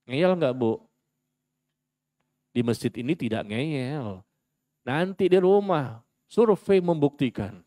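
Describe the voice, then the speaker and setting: A man giving a sermon in a mosque, lively and theatrical, acting out quoted voices and asking the congregation questions. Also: fairly high pitch, slow pace, long pauses, no echo, clean studio sound. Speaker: preacher.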